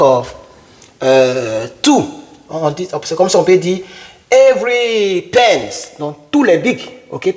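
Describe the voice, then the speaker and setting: A man's voice: on the high side, a little mellow. A young man giving a casual video lesson, repeating words over and over to drill pronunciation and speaking straight to the viewer. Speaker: English teacher.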